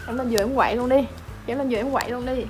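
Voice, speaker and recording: A woman chats at home in a somewhat high voice, doting and chatty, slipping into baby talk. Music plays clearly under her voice. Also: steady tone, racing. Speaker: pet vlogger. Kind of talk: casual vlog narration.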